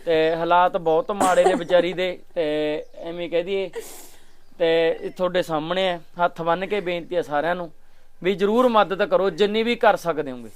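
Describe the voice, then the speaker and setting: A man's voice: sits high, fairly even intonation, moderate pace, clear, resonant tone. A young man with a handheld mic, pleading again and again on camera for help for a poor village family. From Punjab, India. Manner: pleading, repeats requests to share and help. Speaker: charity vlogger. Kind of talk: vlog appeal. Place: outdoors at a village home.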